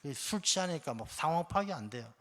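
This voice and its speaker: A male pastor delivering a sermon in a talky, direct way, often turning to the congregation. His voice sits a little high for a man, and he drives each point home by repeating it. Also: expressive, fast talker, a bit bright. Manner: conversational, addresses the congregation directly; emphatic, repeats key points.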